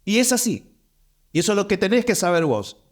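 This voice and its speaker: A man's voice: high voice, very animated, brisk. A man with a Rioplatense accent preaching a sermon as pastor, stressing points by repeating words. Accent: Rioplatense Spanish.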